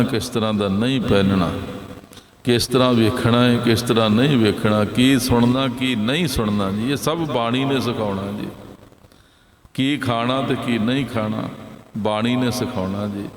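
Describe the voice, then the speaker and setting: A man preaching a sermon to a gathered congregation, repeating his points and singing lines of scripture slowly. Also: medium pitch. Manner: repetitive, exhorting, sings scripture lines slowly. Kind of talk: sermon with chanted verses. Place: large hall with congregation. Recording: echoey hall reverb.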